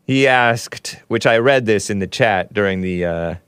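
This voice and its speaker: A man hosting a casual livestream reads viewer chat aloud, putting on mock voices, making jokey asides, and chuckling often. His voice is fairly low, smooth, and a bit bright, at a measured pace, in studio-quality audio with no echo.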